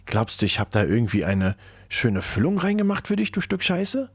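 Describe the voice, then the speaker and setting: A man's voice: medium pitch, big pitch swings, moderate pace, husky, no echo, studio quality. A man voicing a jealous, vengeful young woman who speaks in a cold, menacing tone.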